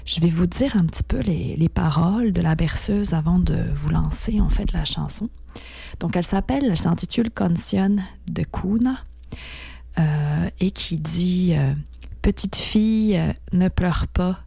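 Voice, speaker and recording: A woman hosting a radio talk show, speaking slowly and hesitantly with many pauses and fillers. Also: lowish voice, gravelly, dark tone, husky, no room sound. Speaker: radio host.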